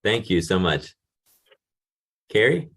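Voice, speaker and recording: A man facilitating an online workshop, moving speakers along briskly on a video call. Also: low voice, very animated, gravelly, fairly bright tone. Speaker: session facilitator.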